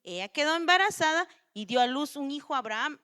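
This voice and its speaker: A woman preacher giving a sermon at a church vigil, animated and speaking directly to the congregation. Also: high voice, brisk. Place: church service.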